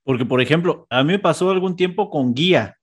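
A man's voice: fairly high pitch, lively intonation, a little fast, husky. Man hosting a live chat. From Mexico. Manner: friendly, reads out viewer greetings. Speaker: host of a live stream; teacher at a school. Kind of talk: casual live-stream chat.

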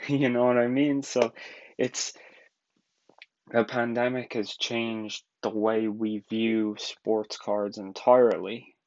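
A man's voice: mid-range voice, flat delivery, takes it slowly, dull audio. A man in his twenties with an Irish accent, hosting a solo podcast in a rambling, casual way with frequent laughs. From Ireland. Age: 20s. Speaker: podcast host.

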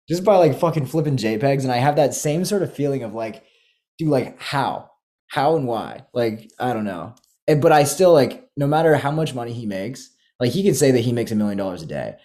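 A man's voice: mid-range voice, mellow. A young man hosting a podcast, chatting casually, swearing freely and peppering his talk with "like.". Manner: laid-back, swears a lot, fills talk with "like". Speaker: podcast host. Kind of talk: casual chat.

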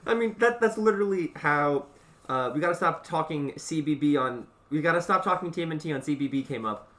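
A chatty man hosts a casual podcast with a bright, forceful voice and a slightly raised pitch. He laughs often and pokes fun at himself, and he sits a bit back from the mic. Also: lively intonation, a little fast, far from the mic. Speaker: podcast host. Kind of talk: casual chat.

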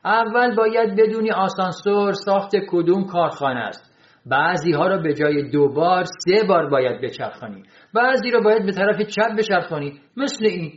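A man's voice: high-pitched, expressive, pitched above the performer's own voice. A man voicing a scolding, irritated office servant. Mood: exasperated. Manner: scolding, impatient. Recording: roomy, dull sound.

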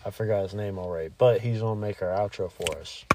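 A man's voice: fairly low pitch, fast talker, background noise. Laid-back rambling podcast guy. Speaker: podcast host. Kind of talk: casual podcast chat.

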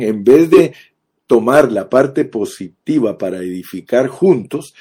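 A man's voice: on the low side, mellow, breathy edge. A man from Guatemala, preaching a sermon earnestly, repeating phrases for emphasis and speaking straight to the listener.

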